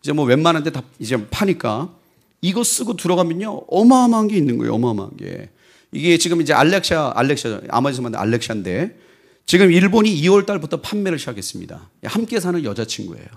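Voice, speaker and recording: A middle-aged man preaching a sermon, animated and rising to fervent, shouted passages. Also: fairly high pitch, quick pace, vocal fry.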